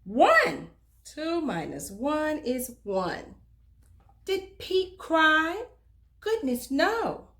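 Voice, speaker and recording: Reading a children's storybook aloud, the host addresses young listeners directly with an expressive, emphatic delivery. She speaks in a high pitch and very slowly.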